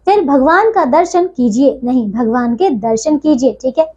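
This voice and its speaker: High-voiced woman teaching young children. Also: animated, moderate pace, darkish tone. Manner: patient, repeats "ठीक है" after each point. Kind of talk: grammar lesson for children. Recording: dull lo-fi recording.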